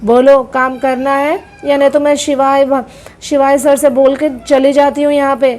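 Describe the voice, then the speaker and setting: A woman's voice: high voice, little pitch movement, darkish tone, close to an everyday voice. A woman voicing a proud, blunt young housemaid who talks back in a doll-play soap drama. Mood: sassy. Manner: blunt, quick retorts.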